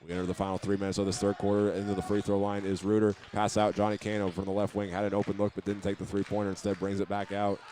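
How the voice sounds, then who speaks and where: With a darkish tone, an American man handles live radio play-by-play of a basketball game in a high school gym. Slight background noise is present, and the gym's ambience and ball bounces come through clearly.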